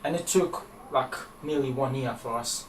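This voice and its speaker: A man's voice: medium pitch, distant mic, a little hiss or hum. Hesitant young man, echoey room. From Afghanistan. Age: young adult. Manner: hesitant, halting with fillers. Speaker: interviewee. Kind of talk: interview answers. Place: small indoor room.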